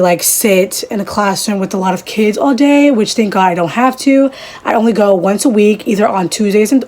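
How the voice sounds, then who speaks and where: A young woman vlogging casually while doing her makeup, rambling and chatty, leaning on "literally" and "like" and speeding up in quick bursts. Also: medium pitch, a little mellow. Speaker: beauty vlogger. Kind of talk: casual chat over a makeup tutorial.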